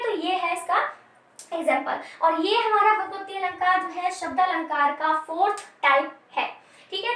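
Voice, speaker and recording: A woman's voice: extremely high pitch, a bit bright. A woman teaching a grammar lesson to video viewers, repeating phrases and checking in with her listeners. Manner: repeats phrases, many fillers and check-ins. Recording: echoey room, from a distance.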